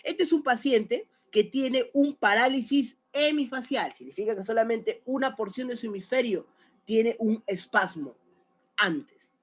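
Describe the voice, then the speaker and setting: A man's voice: very high voice, a little slow. A man teaching a recorded biology lesson, chatty and often checking in with the student. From Peru.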